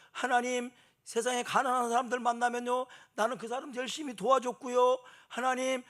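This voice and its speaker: Brief: preacher doing a self-righteous man bragging loudly to God, showy and pleased with himself, raised and high. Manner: loud, showy, self-satisfied prayer.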